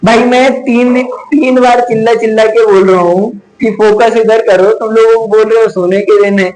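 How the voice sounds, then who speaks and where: High-voiced male physics teacher. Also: steady tone, moderate pace, a little mellow, poor audio. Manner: chatty, scolds and teases students, mixes English terms. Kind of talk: classroom lecture.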